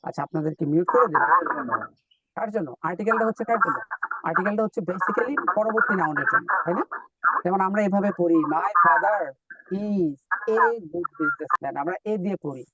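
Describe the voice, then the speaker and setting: A man teaching English in a live online lesson, explaining step by step and repeating drill words slowly. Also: sits high, recorded from a distance, dull audio, heavy background noise.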